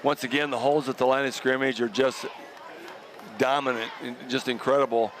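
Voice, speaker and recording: A man giving casual color commentary on a high school football game. He is chatty and enthusiastic and chuckles often. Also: level tone, fairly quick, fairly bright tone, a faint crowd, a little hiss or hum.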